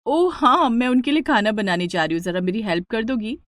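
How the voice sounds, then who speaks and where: Shivani: patient, sharp-tongued sister-in-law, a woman voicing her. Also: fairly high pitch, lively intonation, brisk, no echo, clean studio sound, lightly acted. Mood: gentle. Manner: gentle, pointedly sarcastic. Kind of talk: storybook narration.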